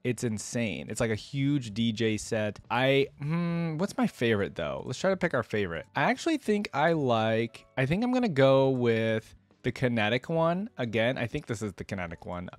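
A young man hosts a video with loose, rambling reaction commentary, peppering it with "like" and "right?". His mid-range voice is very animated, moving at a moderate pace with few pauses, close on a desk microphone at an indoor gaming setup with no room sound.

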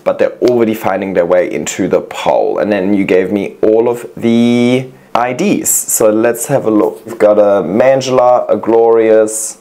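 A man's voice: lowish voice, darkish tone. Chatty man reacting to plants. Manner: chatty, reads viewer messages aloud, gushes over plants. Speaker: plant YouTuber reacting to viewer submissions. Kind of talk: casual reaction commentary.

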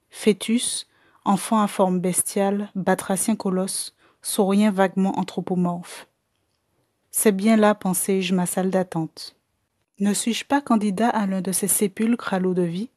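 A woman narrating an audiobook in a measured, even storytelling manner. Her voice is warm and mellow. The recording is dry and close, with no room sound. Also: mid-range voice, no room sound. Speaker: audiobook reader. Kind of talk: scripted narration.

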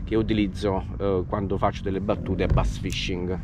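Relaxed man vlogging from a kayak. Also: low-pitched, normal speed, background noise. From Italy. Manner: relaxed, hesitant with fillers while explaining gear. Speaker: fishing vlogger. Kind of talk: casual explanatory vlog. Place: outdoors on a kayak on a lake. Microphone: action camera on the kayak. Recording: music playing underneath.

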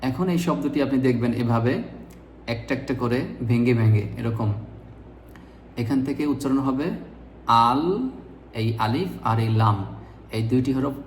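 A man teaching Quran reading, sounding out each word syllable by syllable and repeating them patiently in a slow lesson. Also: mid-range voice, fairly even intonation, darkish tone. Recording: echoey room with faint background noise.

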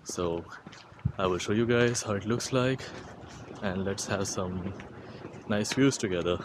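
An unhurried young vlogger with a fairly low voice chats informally with his viewers while walking outdoors through the city. He muses aloud in casual tour-vlog style, his voice surrounded by heavy street and traffic noise.

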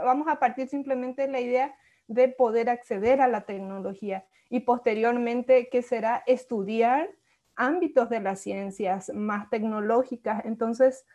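A woman's voice: fairly high pitch, darkish tone, highs cut off. A young woman from Latin America on a video call with an earphone mic, musing earnestly and asking many rhetorical questions. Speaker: workshop participant. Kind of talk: spontaneous reflective remarks. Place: small room at home.

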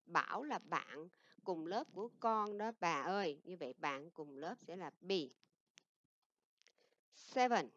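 A woman English teacher with a Vietnamese accent giving a recorded lesson, explaining in Vietnamese and reading English example sentences slowly and carefully. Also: fairly low pitch, animated, fairly bright tone. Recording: dull lo-fi dry recording.

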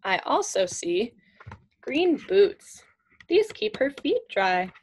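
A woman in her twenties takes it slowly as she reads a picture book aloud to kids, her slightly high, husky voice very animated. She uses simple, teacherly phrases and questions, and she's in a small indoor room at home with shelves.

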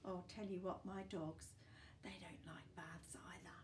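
A woman in her sixties hosts children's storytime in a small indoor room filled with books, reading a picture book aloud to young children. Her New Zealand-accented voice is on the low side, level in tone and a little slow, yet she reads expressively with chatty asides and questions. There's a slight hiss or hum.

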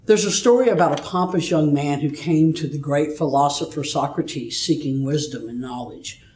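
A man leading an online worship service, preaching a sermon and reading scripture with measured storytelling. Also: a little high, a little mellow. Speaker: pastor. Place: church. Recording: echoey room, mic at a distance.

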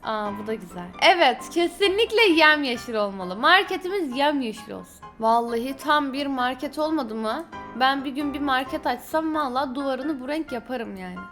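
Woman vlogger, high-pitched, casual chatty gameplay talk, music bed behind. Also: lively intonation, moderate pace, few pauses, fairly bright tone. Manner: chatty, talks to viewers while building. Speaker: gaming YouTuber. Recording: background music under voice.

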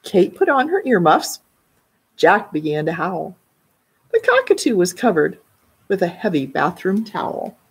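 A middle-aged librarian reads a picture book aloud for a live story time, pausing for friendly asides. Her voice is deeply husky with a gravelly edge. She speaks slowly, and her pitch swings widely. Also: wildly swooping pitch. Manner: warm storyteller, adds asides and explanations. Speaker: children's librarian.

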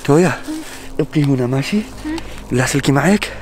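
A man's voice: medium pitch, animated, a little fast, background noise. A man with a Levantine Arabic accent hosting an adventure vlog, calling out urgently and muttering prayers. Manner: frantic, urgent calling out and praying under his breath. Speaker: adventure vlogger. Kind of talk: staged adventure vlog narration.

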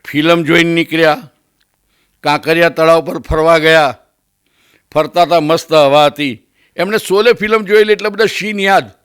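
Animated Gujarati comedian with bright voice. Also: male voice, normal speed, clear, resonant tone. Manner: animated, acts out characters with raised pitch. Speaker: stand-up comedian. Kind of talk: comic storytelling. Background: audience laughter.

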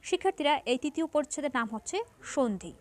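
A woman's voice: high voice, expressive, fast. A woman teaching a grammar lesson to students, patiently explaining each point and repeating it.

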